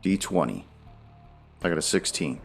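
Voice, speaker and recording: A man's voice: low voice, big pitch swings, normal speed, vocal fry, slightly rough, soft background music. A man narrating a tabletop role-playing game as game master, guiding players through rules and scenes.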